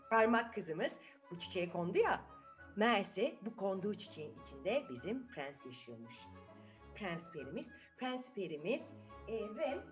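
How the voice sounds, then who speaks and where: A woman with a lowish voice improvises an animated tale for children, telling it dramatically. She repeats words and keeps asking her young listeners questions.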